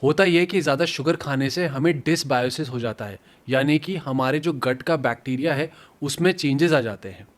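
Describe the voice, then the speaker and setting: A man's voice: mid-range voice, moderate pace. A man dermatologist giving step-by-step skin care instructions, mixing in English medical terms. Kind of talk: medical explainer.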